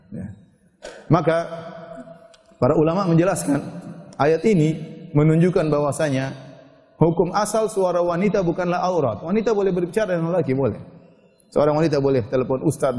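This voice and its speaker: A man's voice: fairly high pitch, warm tone. Earnest preacher man in echoing hall. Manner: earnest, addresses listeners directly, recites Arabic slowly. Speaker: Islamic preacher. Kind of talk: sermon.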